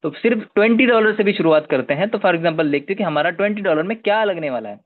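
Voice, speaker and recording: A man's voice: high voice, lively intonation, quick pace. A man presenting an investment plan, walking viewers through slides and often calling them "guys" or checking in with "okay". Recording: tinny phone-like audio.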